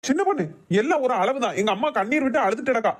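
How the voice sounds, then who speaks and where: A man's voice: extremely high pitch, expressive, rapid-fire. A man voicing a stern grown son in a cartoon, with a Thoothukudi Tamil accent, lecturing his wife. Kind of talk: cartoon voice acting.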